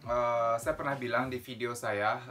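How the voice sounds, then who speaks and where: A man's voice: mid-range voice, steady tone, measured pace, fairly bright tone. A man around thirty from Indonesia, hosting his casual vlog and reminiscing with an old school friend in an upbeat way. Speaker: vlog host. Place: indoors, on the road.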